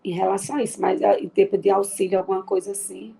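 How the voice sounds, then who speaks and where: Woman, Recife accent, husky and gravelly, quiet heartfelt interview guest. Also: medium pitch, level tone, fast. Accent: Brazilian Portuguese, Recife. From Recife, Brazil. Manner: quiet, heartfelt, faith-filled talk. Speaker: grieving mother, guest. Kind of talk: emotional interview.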